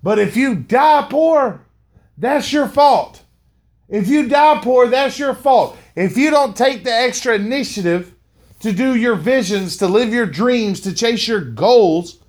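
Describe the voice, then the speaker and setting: A middle-aged man hosting a podcast, giving a motivational monologue, repeating lines for emphasis and often calling the listener "man". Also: very high voice. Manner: slangy, says "man" often. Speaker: podcast host and motivational speaker.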